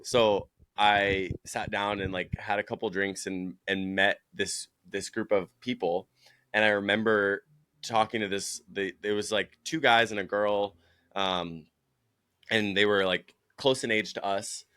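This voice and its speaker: Male coach guest from New Jersey, lowish voice, casual and animated, dry studio sound. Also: unhurried, smooth, no room sound. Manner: animated storyteller, acts out quotes, says "like" a lot. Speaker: guest, distance running coach. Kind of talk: casual chat.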